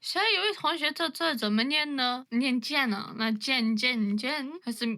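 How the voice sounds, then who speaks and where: A teenage girl with a British accent hosts a casual livestream chat. Her voice sits a little high and sounds bright and crisp. She talks in a chatty way and switches between languages. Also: normal speed, low-quality recording. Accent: British English, Birmingham. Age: teens. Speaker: livestream host. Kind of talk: casual live video chat.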